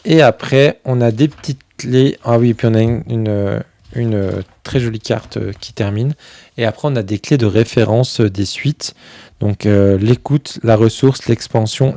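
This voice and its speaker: A man chatting casually through a review of a tarot deck, filling pauses with "euh" and thinking aloud as he goes. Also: lowish voice, dark tone, no room sound. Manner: chatty, many fillers, thinks aloud while flipping cards.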